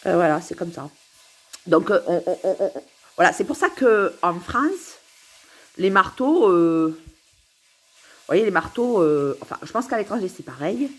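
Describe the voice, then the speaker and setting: A woman's voice: mid-range voice, big pitch swings, moderate pace, slightly rough. A woman recording a rambling, philosophical monologue to camera at home, musing, giggling and repeating herself. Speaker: vlogger.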